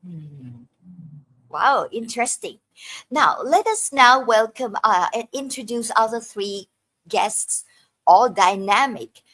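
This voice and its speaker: Higher-voiced woman hosting a panel. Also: lively intonation, slow, pauses often, fairly bright tone, low-quality recording. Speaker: host.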